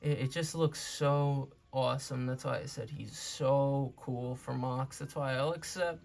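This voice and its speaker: Speaking unhurriedly in a gravelly, mid-range voice with a darkish tone, a male toy reviewer hosts his channel. His hobby review is casual yet earnest and enthusiastic, full of repetition, and his wisdom tooth removal recovery affects how he speaks.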